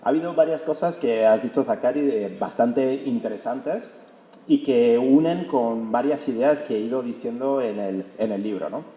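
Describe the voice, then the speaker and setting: A young man from Spain presents his book in a fluent public talk, often ending sentences with a questioning "¿no?". His medium-pitched voice has a dark tone and normal speed. The recording, made in an auditorium hall, is echoey.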